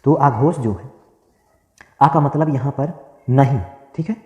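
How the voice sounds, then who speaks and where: A man teaching a grammar lesson, dictating notes slowly, repeating phrases and asking questions that he answers himself. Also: mid-range voice, a little mellow. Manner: repetitive, asks and answers his own questions. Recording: echoey room with long reverb.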